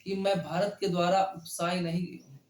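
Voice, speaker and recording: A male teacher with a high, steady, somewhat dark voice goes through a Hindi poem line by line in an echoey room. He speaks slowly, repeats phrases, and quizzes the class as he goes.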